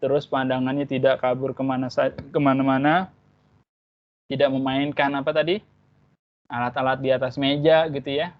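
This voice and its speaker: A man with a mid-range voice leads an online training session for young school applicants. He explains in a relaxed teacherly way and keeps checking in with short tag words after each point. The sound is dull and lo-fi, like a video-call recording. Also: medium pitch, normal speed, pauses often. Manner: casual teacherly, tags points with "ya" and "gitu".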